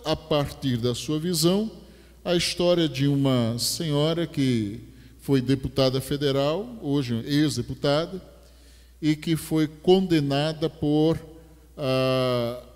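Middle-aged Brazilian pastor, Rio accent, unhurried sermon delivery, headset mic, reverberant hall. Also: male voice, fairly high pitch. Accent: Rio de Janeiro Portuguese. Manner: slow, measured scripture reading building to emphatic preaching. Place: large church stage, indoors. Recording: long church hall reverb.

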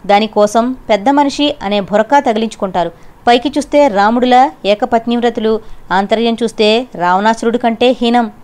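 A woman's voice: medium pitch, normal speed, a little mellow, lightly acted. A woman voicing a bitter young man in an audiobook reading, making an impassioned, accusing outburst.

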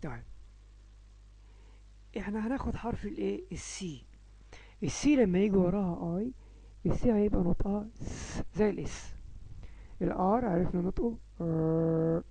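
معلم مصري بصوت خشن يشرح الحروف ببطء. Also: male voice, sits high, expressive, mellow, husky, low-quality recording. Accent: Egyptian Arabic. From Egypt. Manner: slow, drawn-out sounding of letters. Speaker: English teacher for young children. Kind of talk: phonics lesson.

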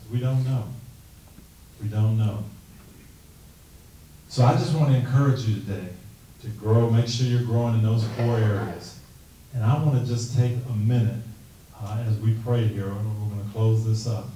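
A man's voice: fairly low pitch, slight background noise. Earnest middle-aged man in an echoey room. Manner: earnest, measured, softly pleading. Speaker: guest speaker. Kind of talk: motivational talk and prayer. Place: classroom meeting room, indoors. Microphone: handheld mic. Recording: echoey room, camera from a distance.

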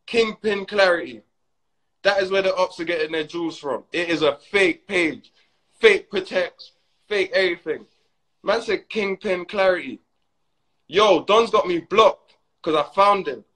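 A man ranting and mocking on a phone Instagram live, excitable and slangy. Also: high voice, measured pace.

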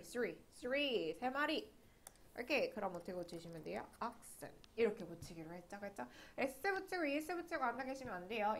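Young female teacher, mid pitch, talkative lecture voice that keeps checking in with students. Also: fairly bright tone, a little hiss or hum. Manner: chatty, asks students to confirm often. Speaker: English teacher. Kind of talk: online grammar lecture.

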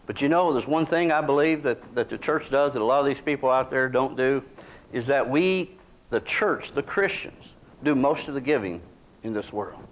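Middle-aged preacher, mid-pitched, folksy and conversational, small sanctuary, faint background hiss. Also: male voice, moderate pace. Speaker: pastor. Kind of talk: sermon. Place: small church sanctuary, indoors.

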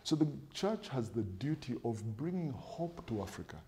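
A middle-aged pastor, wearing a lapel mic on a sofa-furnished TV studio set, responds in an interview with measured, emphatic preaching, building lists of points and citing scripture. His medium-pitched voice is very animated and dark, with slight background noise.

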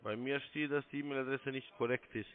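A man in his thirties working in a call centre speaks briskly in a mid-range voice with fairly even intonation. Formal and polite, he spells things out as he gives step-by-step directions, recorded with narrow phone-line quality.

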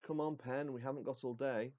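Guy putting on a loud chummy drama teacher, way higher than his own voice, dull dry recording. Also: fairly even intonation, slow. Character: smarmy trendy male drama teacher.

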